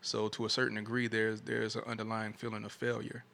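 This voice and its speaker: A man talking reflectively and casually in a soft-spoken way. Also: lowish voice, monotone, a little fast, vocal fry.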